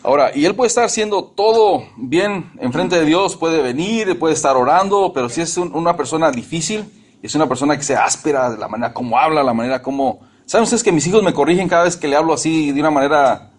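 A middle-aged man delivers a sermon to a church congregation. His voice is husky and sits a little high. He preaches emphatically, often doubling back to repeat or restart a phrase. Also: expressive, brisk.

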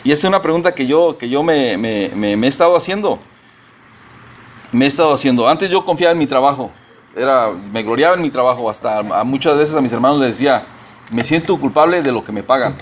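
A man preaching a sermon as pastor, speaking haltingly with many repeated words and a few English phrases mixed in. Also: medium pitch, lively intonation, a little hiss or hum.

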